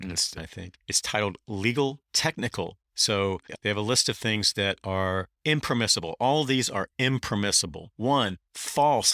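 A man's voice: on the low side, sharp tone, no echo, clean studio sound. A middle-aged man hosting an opinion podcast, reading out rules and tearing into them with indignant sarcasm. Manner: indignant, sarcastic, reads out documents. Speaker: podcast host. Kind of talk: opinion commentary.

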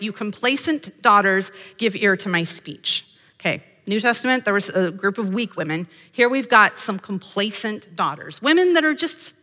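A woman's voice: fairly high pitch, sharp tone, long reverb tail. A woman hosting a devotional podcast, teaching women from scripture in an earnest, emphatic way and reading verses aloud. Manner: earnest and emphatic, quotes imagined voices and reads scripture aloud. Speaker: podcast host and Bible teacher.

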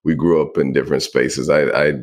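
A man in his forties from the Bay Area, co-hosting a podcast in relaxed, rambling casual chat. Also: a bass voice, brisk. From San Francisco Bay Area. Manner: relaxed, rambling, many fillers. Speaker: podcast co-host.

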